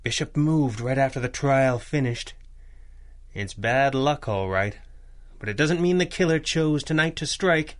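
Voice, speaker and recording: A man playing a resolute masked crime-fighter in a 1930s-style radio serial, speaking with calm command and measured, solemn diction. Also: mid-range voice, natural voice. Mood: grave, determined.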